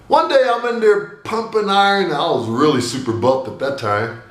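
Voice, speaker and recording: Speaking at a moderate pace in an echoey little room, an older man preaches a personal sermon to camera. His storytelling is animated, with sweeping gestures and a booming voice.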